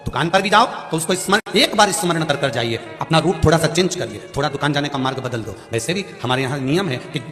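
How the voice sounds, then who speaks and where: Bright-voiced man preaching in an echoing hall. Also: on the high side, fast talker, hardly any pauses. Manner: folksy, animated, acts out characters in quoted dialogue. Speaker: religious storyteller. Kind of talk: devotional sermon. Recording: live hall reverb with music behind.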